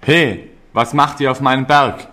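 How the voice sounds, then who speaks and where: Tengu goblin, male, greedy and blustering, bright edge, a man voicing him. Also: mid-range voice, unhurried. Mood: gruff. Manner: blustering, boastful. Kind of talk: amateur musical theatre reading.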